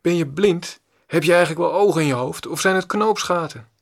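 A man voicing an angry passer-by who yells indignantly at someone who walked into him. The voice rises high and loud, with a gravelly rasp. He sounds offended and aggressive. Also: a little fast. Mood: angry, shouting. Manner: shouting, indignant. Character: angry man shouting insults on a footpath.

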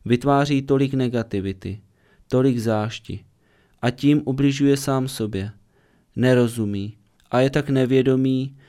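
Calm man with a smooth, dark voice. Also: medium pitch. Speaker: voice-over reader of a meditation teacher's talk. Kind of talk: calm dubbed reading of a spiritual discourse.

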